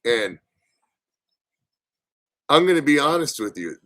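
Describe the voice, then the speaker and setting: A man's voice: medium pitch, sing-song, slow pace, sharp tone. Rambling man chatting on a livestream. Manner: rambling, chatty, playful with viewers. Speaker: livestream host. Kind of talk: casual livestream chat.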